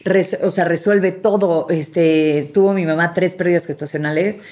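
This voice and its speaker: A woman's voice: fairly low pitch, steady tone, normal speed, darkish tone. A woman hosting a casual interview, reflective and sharing personal anecdotes before asking follow-up questions. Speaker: podcast host.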